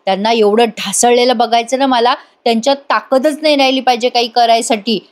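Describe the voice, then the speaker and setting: A woman's voice: on the high side, steady tone, a little fast, lightly acted. A woman reading a scheming, spiteful mother. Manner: gloating, plotting. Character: scheming middle-aged mother, cunning and spiteful.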